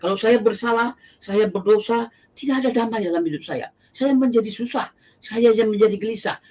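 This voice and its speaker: A middle-aged man from Aceh with an Acehnese accent tinged by Medan and eastern Indonesian speech, giving an emotional personal testimony that swings from low murmurs to high cries. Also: normal speed, darkish tone. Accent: Acehnese with Medan and eastern Indonesian traces. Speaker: testimony guest.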